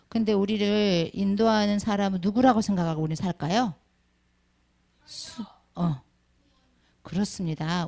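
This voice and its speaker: In her children's sermon, a middle-aged Sunday school teacher names individual kids and asks them lots of questions. Her voice is mid-range and mellow, with vocal fry.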